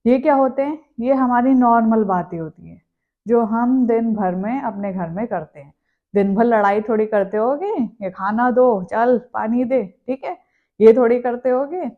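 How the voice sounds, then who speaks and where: A woman teaching a grammar lesson in a lively, animated classroom way, acting out little everyday quotes. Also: on the high side, normal speed, phone-quality sound.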